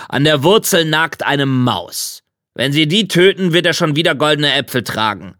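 A man reading a storybook, voicing a gruff, short-tempered male devil with a gravelly rasp and slow, growling outbursts. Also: fairly high pitch, expressive, a bit bright, no echo, studio quality. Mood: dismissive. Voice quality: gravelly, rasping.

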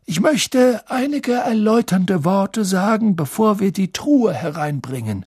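A man voicing a calm, solemn old male headmaster who speaks slowly and ceremoniously, in a husky voice. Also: high voice, no echo, clean studio sound, pitched above the performer's own voice, heavily acted. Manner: slow, ceremonious speech.

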